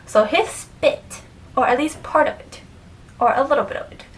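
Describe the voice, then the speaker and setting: Chatty young woman vlogging, a bit high. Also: moderate pace, distant mic, slight background noise, poor audio. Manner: chatty, many fillers, drops to near whisper. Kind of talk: casual chat to camera.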